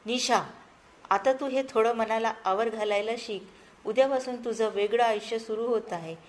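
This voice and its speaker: A woman voicing a young male photographer who speaks in a calm, advising way. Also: fairly high pitch, normal speed, close to an everyday voice.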